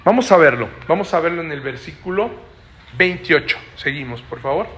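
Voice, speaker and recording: Male preacher, high bright voice, teaching style with frequent rhetorical tags. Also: animated, normal speed, a little hiss or hum. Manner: explanatory, asks listeners frequent rhetorical checks. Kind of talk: Bible study preaching.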